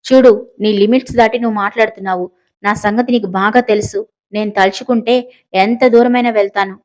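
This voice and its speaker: A woman's voice: a little high, darkish tone, natural voice. A woman voicing a scheming young woman who boasts, mocks and snaps angrily, in an audiobook. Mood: angry. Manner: boastful, mocking, quick to anger.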